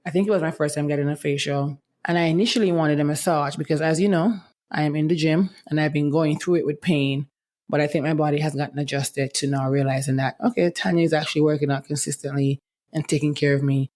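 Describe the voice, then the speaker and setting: On her laid-back solo podcast, a young woman speaks candidly and chattily, her voice altered by medication. It sits low with a slightly mellow quality, and "let me tell you" comes up often.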